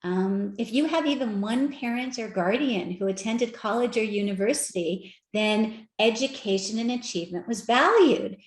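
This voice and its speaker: A woman giving a conference talk with slides, animated and conversational, often asking the audience direct questions. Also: a little high, moderate pace, few pauses, roomy sound. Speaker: speaker at an equity research event. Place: virtual event.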